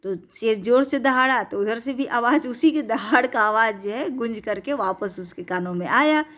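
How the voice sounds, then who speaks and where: A woman's voice: fairly high pitch, normal speed, fairly bright tone. A woman narrating a bedtime story in a casual, chatty way, with restarts and explanatory asides.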